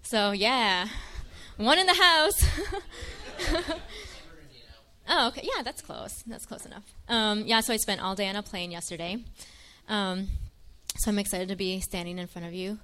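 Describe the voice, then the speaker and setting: A woman's voice: mid-range voice, unhurried, pushed and bright, smooth. A young woman from Michigan giving an earnest, chatty personal faith testimony to an audience, with frequent ums.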